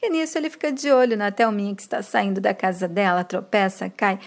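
A woman from Brazil retelling a soap opera episode, reading out the characters' lines with lively shifts in delivery. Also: medium pitch, fairly quick.

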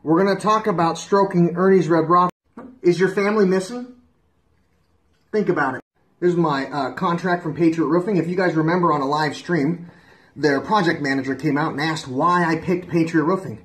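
A man in his thirties giving an absurd comedy monologue, moving from flat deadpan remarks to frantic screaming. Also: fairly high pitch, moderate pace. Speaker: comedic vlogger.

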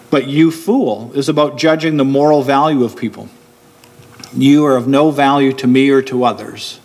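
This sermon comes from a middle-aged man at a wooden pulpit in a church hall, recorded on the pulpit's microphone. In a mid-range voice, he explains steadily and deliberately slows when he wants a key point to sink in.

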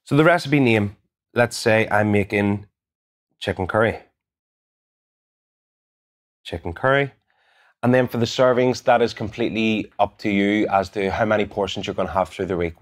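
A man in his thirties with a Northern Irish accent, calmly walking through an app tutorial step by step, recorded on a lapel mic in a gym studio. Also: lowish voice. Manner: calm, methodical, instructive. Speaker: gym coach. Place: gym studio in front of a branded backdrop.

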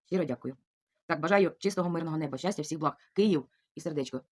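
A woman's voice: deep voice, fast. A middle-aged woman from Ukraine chatting casually in a vlog, reading out viewer comments and thanking each one again and again. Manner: warm, chatty, repeats thanks over and over. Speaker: vlogger answering viewer comments. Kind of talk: casual chat.

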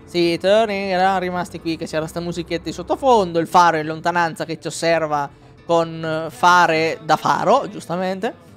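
A man's voice: on the high side, fairly even intonation, normal speed, fairly bright tone, faint music behind. A man streaming a video game, casually commenting, rambling and swearing with jokes as he plays. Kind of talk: casual let's-play commentary.

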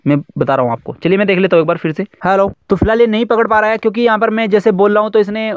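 Young man, tech tutorial host, high voice, clear, dry slightly muffled sound. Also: no room sound. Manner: quick chatty explaining with fillers. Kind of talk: casual screen-recorded app tutorial.

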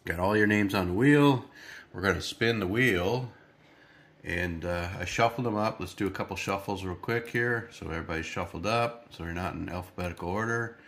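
A congested man hosts his scratch-off channel from the kitchen table, rambling chattily to viewers while scratching tickets. He speaks at a normal speed in a low, slightly bright voice.

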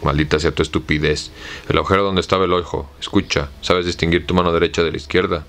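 A man with a Mexican accent reading the part of an excitable, obsessed gentleman in an audiobook, in a slow, plain way. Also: deep voice. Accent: Mexican Spanish.

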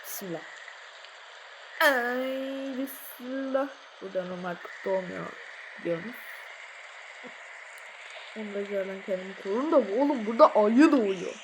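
A woman giving let's-play commentary, jumpy, swinging from muttering to panicked yelling, with playful sing-song chanting. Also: medium pitch, unhurried, long pauses, background noise. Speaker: gamer.

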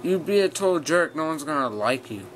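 A man's voice: a little high, a little fast, low-quality recording. A young man vlogging casually in a rambling, blunt way, his speech slightly slurred by wearing a retainer. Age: teens to young adult. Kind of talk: casual rant to viewers. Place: small bedroom, sitting on bed. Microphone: built-in device mic at arm's length. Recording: clear steady fan noise, bedroom ambience.

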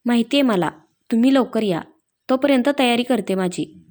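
A woman voicing a shy but quick-tempered young wife in a read-aloud story. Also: on the high side, natural voice. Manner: pouty, sharp.

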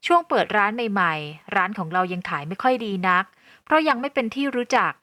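A woman narrating a first-person audio novel in a calm, even storytelling voice. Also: mid-range voice, a little fast, no echo.

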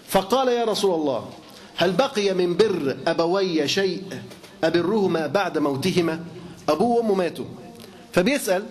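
A man with an Egyptian accent preaching a sermon, emphatic and repetitive, asking his listeners rhetorical questions. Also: sits high. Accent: Egyptian Arabic.

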